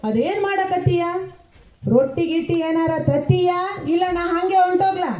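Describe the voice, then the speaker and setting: A woman's voice: very high-pitched, normal speed, dark tone, lo-fi sound. A woman with a North Karnataka Kannada accent voicing a bossy young woman of the house, calling out in a nagging, impatient way. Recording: roomy home recording.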